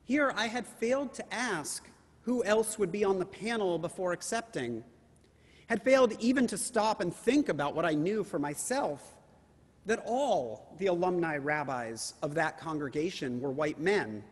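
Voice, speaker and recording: A man with a notably high voice delivers a sermon as a rabbi. He speaks in measured phrases and slows down to stress key words. His voice trails off into the long reverb of a large hall. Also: animated.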